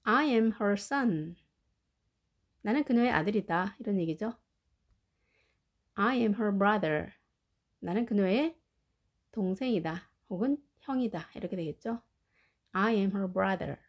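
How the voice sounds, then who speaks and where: A woman with Korean as her first language, teaching English family words and slowly drilling their pronunciation. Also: mid-range voice, lively intonation. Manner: slow, careful pronunciation drills. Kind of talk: vocabulary lesson.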